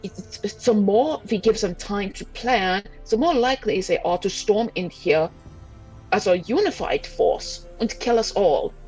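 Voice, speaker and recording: A woman talking as a player in a tabletop roleplaying game, in animated discussion. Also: medium pitch, unhurried, rough recording. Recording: music behind the voice. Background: music.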